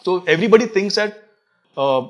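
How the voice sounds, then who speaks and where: A man's voice: high voice, expressive, a little fast. A man with an Indian English accent, a priest and school principal, chatting as an interview guest in a joking, self-deprecating way. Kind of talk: casual interview chat.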